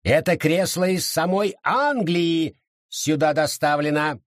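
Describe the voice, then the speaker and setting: A man's voice: fairly high pitch, lively intonation, unhurried, dry recording, studio quality, pitched above the performer's own voice. A man voicing a pompous, whiny old colonial judge who barks orders at everyone. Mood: shrill. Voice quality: whiny, imperious shouting.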